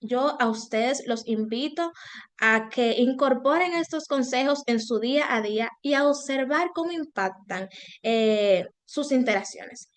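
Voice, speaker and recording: A woman leads an online webinar in a high voice. She talks straight to her participants, and her delivery is expressive, moving between louder and softer passages and changing her intonation as she goes. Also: measured pace. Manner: expressive, varies loudness and intonation on purpose. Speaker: webinar presenter.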